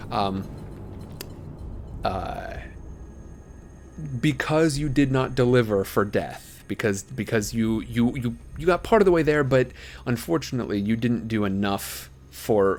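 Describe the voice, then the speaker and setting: A man running a tabletop game as game master, improvising narration and thinking aloud hesitantly for his chat. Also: fairly low pitch.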